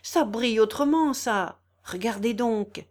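A woman's voice: fairly high pitch, animated, a little slow, darkish tone. Woman doing a naive, wide-eyed carpenter. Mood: insistent. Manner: naive, wondering, raised voice. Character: naive, simple adult male carpenter.

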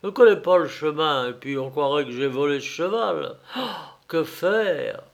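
A man's voice: on the high side, expressive, normal speed, creaky. A man doing a nervous, blustering traveler. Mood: anxious. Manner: anxious, fretful muttering. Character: cowardly land surveyor, blustering then pleading.

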